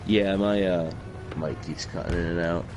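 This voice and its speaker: A tired man talks in a relaxed, slightly low voice, full of fillers. His microphone crackles and keeps cutting in and out like a loose cable. Clear music plays behind him. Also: moderate pace. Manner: laid-back, filler-heavy, tired. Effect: mic cutting in and out, crackling. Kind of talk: casual chat over voice call.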